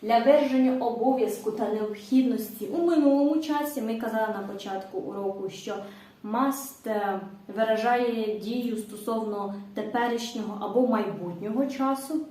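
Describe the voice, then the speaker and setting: A woman teacher giving a language lesson, explaining step by step and saying English phrases slowly for students to repeat. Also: a little high, dark tone, far from the mic. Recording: echoey room, voice from off-mic.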